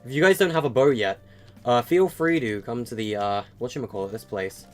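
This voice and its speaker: An eighteen-year-old man with a mid-range voice talks a little fast while live-streaming a game, soft music playing behind him. His casual chat with viewers rambles, full of fillers and stutters as he answers them.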